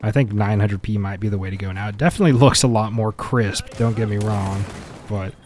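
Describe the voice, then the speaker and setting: A man's voice: lowish voice, a little fast, a little mellow, soft background music. A man giving casual, opinionated gameplay benchmark commentary, chatty and mildly exasperated. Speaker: gaming content creator.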